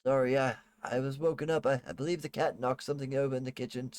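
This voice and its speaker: Man voicing a stammering, flustered servant woman, pitched up. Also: fairly even intonation, fast, a little mellow, smooth, no echo, close to an everyday voice. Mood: flustered, apologetic. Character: nervous apologetic servant woman, deferential, freshly woken.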